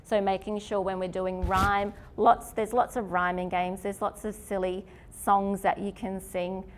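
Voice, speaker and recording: A woman's voice: mid-range voice, level tone, a little slow. A woman leading an informal literacy workshop. She keeps asking her audience questions and checking in with "okay?". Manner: chatty, asks the audience questions; lots of "okay?" and "isn't it?" checks. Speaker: literacy teacher.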